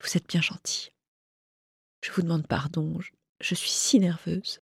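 A reader voicing a tearful young Parisian society woman who stammers and speaks in a breathy, wavering, raised voice, in a literary audiobook reading. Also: mid-range voice, lively intonation, unhurried, dry recording, studio quality, voice pushed up. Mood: tearful, hushed.

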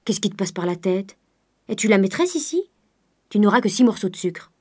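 A woman's voice: medium pitch, very animated, brisk, a little mellow, breathy edge. A woman reading a stingy old miser. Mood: grudging. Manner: terse, grudging. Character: stingy old male miser, curt and controlling.

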